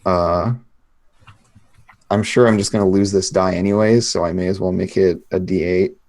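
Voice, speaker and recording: Casting: male tabletop player, low voice, loose improvised storytelling among friends. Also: fairly even intonation, moderate pace, darkish tone. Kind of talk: casual, improvised game narration.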